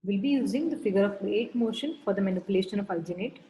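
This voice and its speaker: A woman's voice: medium pitch, fast talker, warm tone, low-quality recording. A woman lecturing on dental materials, going through classifications step by step in a methodical, instructional way. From India.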